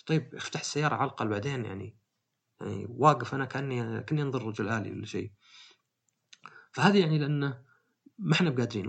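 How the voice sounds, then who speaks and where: A man's voice: on the low side, gravelly, husky. A man, talking casually as a podcast host and rambling through his thoughts with many fillers. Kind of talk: casual monologue.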